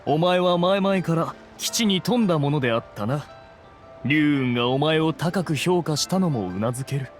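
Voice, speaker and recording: Man voicing a dignified, higher-pitched ancient immortal. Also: expressive, moderate pace, close to an everyday voice. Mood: composed, wry. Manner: old-fashioned, grandiose wording. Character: dignified ancient immortal adept in human guise, composed, imperious. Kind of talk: anime game voice acting. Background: faint music.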